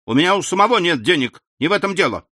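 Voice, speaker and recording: A man's voice: sits high, animated, quick pace, sharp tone, dry recording, clean studio sound, pitched above the performer's own voice. A man reading an audiobook, voicing a sly, blustering travelling man in an emphatic, dismissive way.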